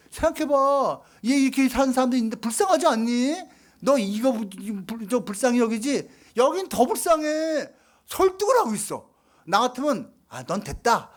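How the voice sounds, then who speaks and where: A male pastor giving a sermon in a conversational, animated way, with sudden whispered asides. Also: high voice.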